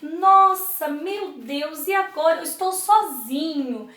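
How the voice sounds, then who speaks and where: A woman's voice: extremely high pitch, slow pace, a bit bright, reverberant, full character voice. A woman voicing Love as a small, lonely boy begging to be rescued, in a children's story told in a lesson. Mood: forlorn. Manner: begging, plaintive. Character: Love, a small pleading boy left on a sinking island.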